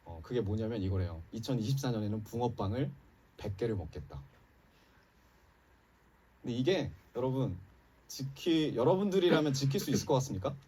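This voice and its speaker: A male pastor delivers a heartfelt sermon in a church, his voice swinging widely between soft, low asides and loud, rising appeals. The sound is slightly husky and captured from a distance across the sanctuary. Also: expressive, brisk, pauses often. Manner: impassioned preaching, rising and dropping emphatically, addresses congregation.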